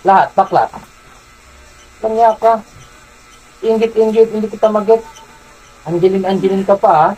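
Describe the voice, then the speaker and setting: A faith healer from Zamboanga City, a man who interrogates a spirit with insistent, repeated questions and sharp commands. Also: sits high, steady tone, normal speed, pauses often, husky, soft background music, low-quality recording. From Zamboanga City, Philippines. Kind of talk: healing session, interrogating a spirit.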